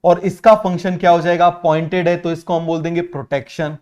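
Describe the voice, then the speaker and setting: A male teacher giving an online biology lesson in Hindi-English mix, repeating key terms and urging students to answer quickly. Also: on the high side, flat delivery, a little mellow. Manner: repetitive, keeps asking students to answer quickly; drills terms by repeating them slowly.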